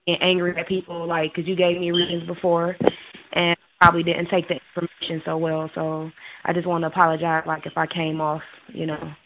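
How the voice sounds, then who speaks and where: Woman, phone-in caller, tinny line, lowish voice, hesitant casual talker. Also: completely flat delivery, fairly quick, a little hiss or hum. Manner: apologetic, hesitant, fills with "like" and "you know". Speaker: call-in show caller.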